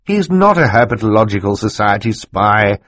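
A man's voice: on the high side, huge pitch swings, fairly quick, husky, no room sound, pitched above the performer's own voice, full character voice. A man voicing a polite but impatient clever teenage boy in an audiobook. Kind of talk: audiobook character voice.

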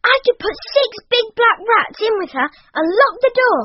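A woman's voice: very high voice, normal speed, no room sound, dull audio. George, a woman as a plucky young boy. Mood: excited scheming. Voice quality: stammering when scared, excitable. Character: frightened but plucky eight-year-old boy. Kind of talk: dramatized storybook audio. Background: music underneath.

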